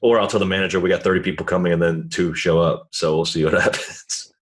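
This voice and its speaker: A man's voice: deep voice, steady tone, fast talker. A man hosting a podcast, chatting in a laid-back, easygoing way and laughing easily. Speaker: podcast host. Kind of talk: casual interview chat.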